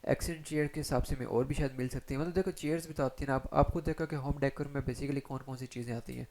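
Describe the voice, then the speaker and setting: A man teaching SEO in a chatty screen-share tutorial, talking straight to viewers and filling pauses with short check-ins. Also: medium pitch, fairly even intonation, darkish tone. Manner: chatty, addresses viewers directly with frequent fillers. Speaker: SEO instructor.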